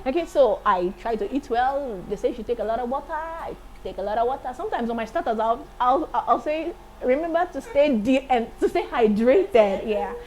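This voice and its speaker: A woman in her late thirties, a singer and accountant, chatting as an interview guest in a lively, enthusiastic way. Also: a little high, normal speed, few pauses, slight background noise, rough recording. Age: 30s. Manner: lively, laughs often, enthusiastic. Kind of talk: casual interview chat.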